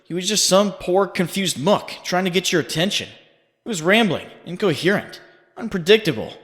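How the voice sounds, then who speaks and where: A man with a high-sitting, expressive, fairly bright voice talks at a moderate pace. In a comic dub, he voices a young hero's brooding, guilt-ridden inner monologue, sardonic and intense in second person. A long, cavernous reverb surrounds it.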